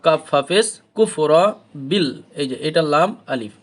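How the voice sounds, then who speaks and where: A man with a Bengali accent teaching Quran recitation, who chants verses slowly with long drawn-out vowels and then explains pronunciation rules in quick spoken asides. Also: on the high side, lively intonation.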